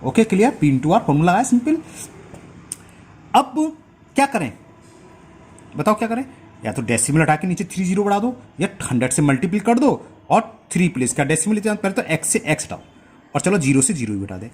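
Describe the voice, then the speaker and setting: Husky-voiced man teaching maths. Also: high voice, sing-song, brisk, long pauses, darkish tone. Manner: explains step by step, checks understanding with rhetorical questions. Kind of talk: whiteboard maths lesson.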